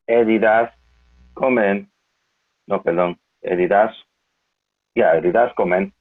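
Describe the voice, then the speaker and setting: A man taking part in a class as a student, reading aloud slowly and hesitantly. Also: on the low side. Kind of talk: class participation. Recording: tinny call audio.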